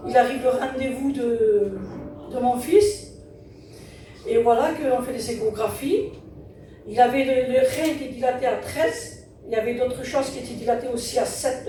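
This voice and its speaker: A woman's voice: sits high, background noise. A woman giving an earnest testimony at a church service, retelling events through a string of repeated "I said" and "he said". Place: church hall during a service. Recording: very echoey hall, distant mic, music behind.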